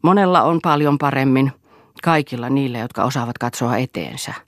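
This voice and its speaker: A woman's voice: a bass voice, no room sound, studio quality. A woman reading the lines of a bitter, domineering husband who talks with scorn and blame. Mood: scornful. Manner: scornful, accusing.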